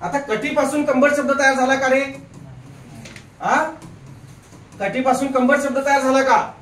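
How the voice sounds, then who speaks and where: Lively teacher in an echoey classroom. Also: male voice, very high voice, measured pace, recorded from a distance, a little hiss or hum. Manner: lively, quizzes the class and jokes. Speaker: Marathi grammar teacher. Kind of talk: classroom lecture. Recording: echoey classroom recorded from afar.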